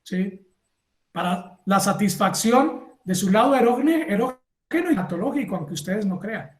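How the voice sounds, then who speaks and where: A man giving a university lecture, lively, acting out little scenes and asking the class if they follow. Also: sits high, normal speed, roomy sound. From Colombia. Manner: animated, acts out little scenes and asks the class for agreement.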